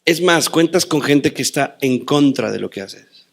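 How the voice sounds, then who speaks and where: A man preaching a sermon as pastor, quoting scripture and telling personal stories, swinging between loud declarations and hushed asides. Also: mid-range voice, expressive, moderate pace, gravelly.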